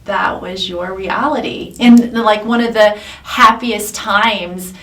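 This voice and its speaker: A woman's voice: medium pitch, fairly even intonation, takes it slowly, bright, forceful tone. A woman in her fifties co-hosting a faith talk show, reflective and affirming as she leads the talk and reads scripture. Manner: reflective and affirming, leading the discussion. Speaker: co-host. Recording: roomy sound from a distant mic.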